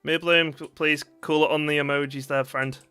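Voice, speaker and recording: A man's voice: a little high, flat delivery, normal speed, bright, forceful tone, clean tone, faint music behind. A man streaming a survival game, chatting to viewers and yelping at sudden scares. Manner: jumpy, reacts with sudden yelps and chatty asides to chat. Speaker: gaming streamer. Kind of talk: live gameplay commentary.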